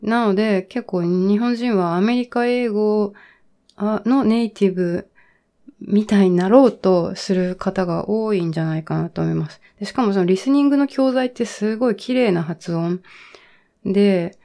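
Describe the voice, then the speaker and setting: A woman in her thirties talking in a relaxed, reflective monologue, full of fillers and trailing asides, as she gives advice on learning English. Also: mid-range voice, moderate pace, gravelly. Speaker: podcast host giving English learning advice. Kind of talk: casual monologue.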